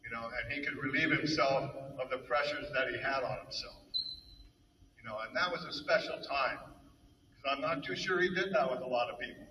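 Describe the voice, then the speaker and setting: A man, a fellow coach, giving a halting, emotional memorial speech full of reminiscences. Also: mid-range voice, noisy background. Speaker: eulogy speaker, fellow coach. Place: hall at a memorial service. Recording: echoey hall from far off.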